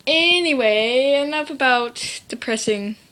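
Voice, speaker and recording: Filmed on a handheld device, a teen vlogger rambles through a story to camera, getting sidetracked, using many fillers, and nearly crying. She speaks unhurriedly in a high-pitched, bright, forceful voice.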